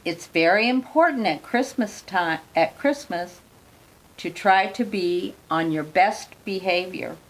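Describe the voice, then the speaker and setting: A woman's voice: lowish voice, a little slow, lightly acted, rough recording. A grandmother reading as a kind, firm little Christmas elf. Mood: instructive. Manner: gently instructive, storybook reading. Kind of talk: storybook reading.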